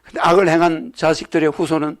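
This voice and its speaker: This is an older man lecturing followers as a religious leader, his voice a little high, his tone level and his pace quick. His sermon-lecture rambles and repeats itself, broken by chuckles and repeated questions to the audience: "right or not?"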